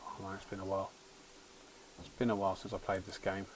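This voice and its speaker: A man's voice: low voice, flat delivery, fast, slight background noise, rough recording. A man hosting a livestream, chatting casually while he plays a game, rambling and often restarting his sentences. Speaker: livestream host.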